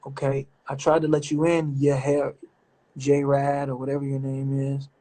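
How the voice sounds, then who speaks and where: A man's voice: medium pitch, monotone, a little slow, dark tone. A man hosting a live stream from his phone, chatting casually with callers and calling them brother. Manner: laid-back, says man and my brother often.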